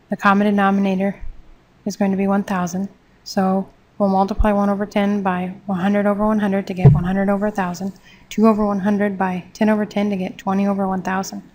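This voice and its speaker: A woman teaching a math lesson, reading textbook steps in a steady, measured way. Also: medium pitch, rough recording. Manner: steady, measured, step-by-step explanation.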